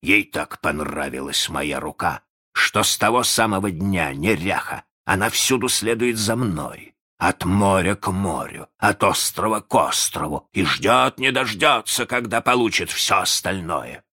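A man's voice: deep voice, lively intonation, unhurried, bright, forceful tone, breathy edge, exaggerated voice. A man voicing a menacing, proud and hot-tempered male pirate captain in a storybook reading, speaking passionately with barking outbursts. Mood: bitter.

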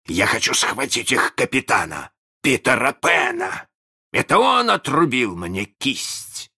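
A man's voice: on the low side, animated, a little slow, bright, forceful tone, slightly rough, full character voice. A man voicing a menacing, proud and hot-tempered male pirate captain in a storybook reading, speaking passionately with barking outbursts.

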